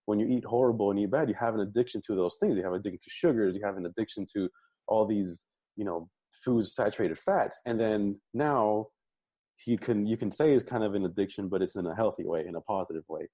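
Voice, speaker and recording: A man's voice: lowish voice, a little fast, dark tone, husky, no echo. A man hosting a fitness podcast, chatting casually and affirming his guest, often repeating words as he thinks. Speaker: podcast host and coach. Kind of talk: casual interview chat.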